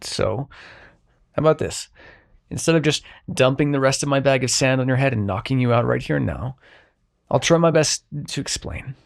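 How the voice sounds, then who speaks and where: A man's voice: mid-range voice, moderate pace, creaky, natural voice. A man playing Morpheus, a sarcastic, grumbling god of dreams, in an intimate scripted roleplay, swearing and sighing at a mortal. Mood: reluctantly conciliatory. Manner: sarcastic, profane, sighing, addresses listener as mortal. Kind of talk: intimate scripted roleplay audio drama monologue.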